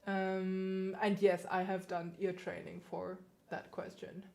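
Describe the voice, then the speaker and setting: A woman's voice: mid-range voice, level tone, takes it slowly, gravelly, darkish tone. A woman pianist hosting a casual livestream, chatting, laughing often and answering questions from chat.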